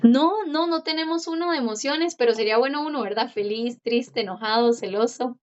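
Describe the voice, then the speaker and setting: A woman teaching a Korean class, who repeats words slowly and keeps checking in with her students. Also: a little high. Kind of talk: online class explanation. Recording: dull lo-fi audio.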